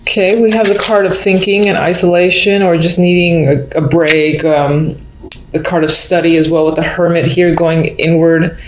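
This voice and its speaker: A woman's voice: lowish voice, little pitch movement, moderate pace. A woman giving an unscripted mystical tarot horoscope reading, musing and thinking aloud as she addresses the listener. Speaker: tarot reader. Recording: roomy echo, background noise, faint clicks.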